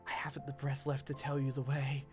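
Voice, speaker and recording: A man's voice: mid-range voice, completely flat delivery, a little fast, music in the background, lightly acted. A man voicing a melodramatic, out-of-breath male courier who pleads for help, reading game dialogue aloud. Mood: breathless pleading.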